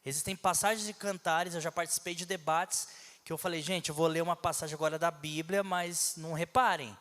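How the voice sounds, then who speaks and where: A man's voice: on the high side, steady tone, a little fast, fairly bright tone, long reverb tail. A man preaching a sermon in a conversational, teaching way, with asides and rhetorical questions, from a church pulpit. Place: church hall.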